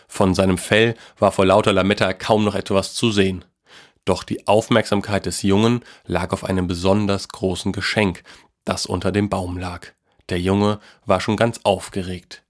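A man calmly reading a children's Christmas story aloud in a gentle storybook manner. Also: low voice.

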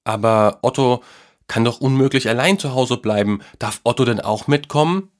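A man voicing an excited little boy in a storybook reading, with an eager, bright way of talking. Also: medium pitch, normal speed, pitched above the performer's own voice, lightly acted.

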